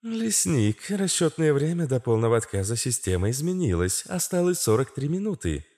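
A man voicing a calm, politely chirpy female computer system in an audiobook. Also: medium pitch, normal speed, pitched above the performer's own voice. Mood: even. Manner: level, chirpy machine politeness.

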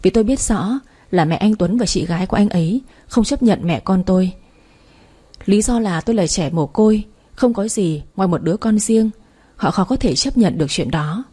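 A woman narrating a romance story in the first person. Her voice is warm, mellow and slightly breathy. She keeps an even, gentle storytelling pace. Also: mid-range voice.

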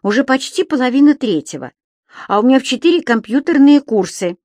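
A woman's voice: high voice, lively intonation, brisk, a little mellow, dry recording, clean studio sound, voice pushed up. A woman voicing a fussy, reproachful female secretary who nags and frets. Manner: reproachful, fussing.

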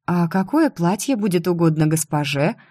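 A woman's voice: on the low side, lively intonation, moderate pace, mellow, no echo, studio quality. Woman doing a sing-song young shop clerk. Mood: fussing. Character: fussy young female dress shop clerk.

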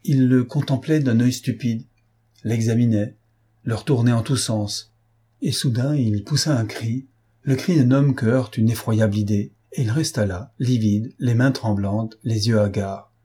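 A man reading a novel aloud in a measured, dramatic way. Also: medium pitch, dark tone, breathy edge. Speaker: audiobook reader. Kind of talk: scripted narration.

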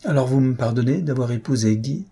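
A man voicing a gentle, affectionate elderly countess in a read-aloud novel. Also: medium pitch, a little fast, husky. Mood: kindly.

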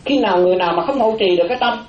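A man's voice: high-pitched, racing, highs cut off. A man, a Buddhist monk giving a dharma talk, repeating key phrases and checking in with his listeners through rhetorical questions. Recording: roomy echo with faint ambience.

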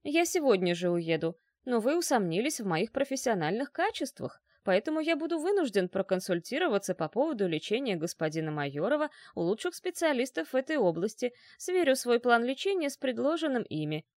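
A woman's voice: fairly high pitch, sing-song, fairly quick, hardly any pauses, darkish tone, dry recording, studio quality, pitched above the performer's own voice. A woman voicing a fussy, chattering middle-aged male doctor who talks in a wheedling way. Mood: wounded.

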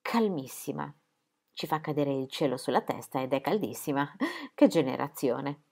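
A woman's voice: sits low, big pitch swings, normal speed, vocal fry, darkish tone, husky, full character voice. A woman voicing a small, furious elderly aunt who scolds with sarcasm. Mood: scornful.

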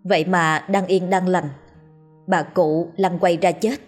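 Low-voiced woman reading a story. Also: faint music behind. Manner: measured, expressive reading. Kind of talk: scripted narration of a ghost story.

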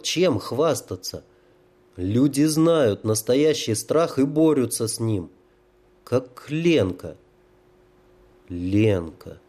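Slow, mellow male audiobook narrator. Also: mid-range voice. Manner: slow, measured reading.

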